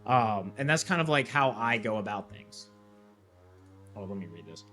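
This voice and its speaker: Over music, a young man with a lowish, sing-song voice at a moderate pace runs a live trading walkthrough on screen share. The tone is easygoing and filler-heavy, punctuated by tag questions like "right?" and "okay?".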